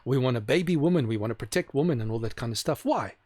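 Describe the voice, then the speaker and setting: A man's voice: mid-range voice, expressive, fast, darkish tone, no room sound, clean studio sound. A man giving an opinionated monologue to camera, rambling with restarts and asking rhetorical questions. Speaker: video host. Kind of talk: opinionated talking-head monologue.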